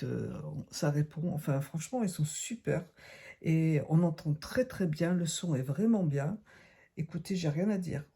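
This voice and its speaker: Hoarse, gravelly-voiced sick woman vlogging. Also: deep voice, mellow. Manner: chatty and hesitant, often restarting phrases. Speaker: vlogger reviewing products. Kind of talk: casual product review vlog. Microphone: phone camera.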